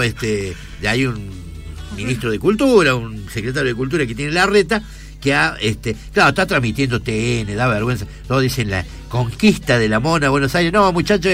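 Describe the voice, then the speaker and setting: A man's voice: mid-range voice, animated, brisk, a bit bright, soft background music. A man from Argentina, hosting a casual comedic radio chat, chatty and laughing often. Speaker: radio host.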